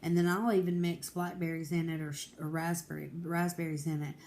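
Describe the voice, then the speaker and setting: Woman in her 40s, low mellow voice, candid home vlogger. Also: level tone, fairly quick, a little hiss or hum. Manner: candid, rambling, determined, with many fillers. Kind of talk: casual personal vlog.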